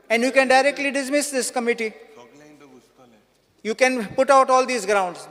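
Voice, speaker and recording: Insistent legislator raising objections. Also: male voice, high voice. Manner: argumentative legal objections, measured and insistent. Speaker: opposition legislator and advocate. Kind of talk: legislative debate. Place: legislative assembly hall. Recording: long hall reverb.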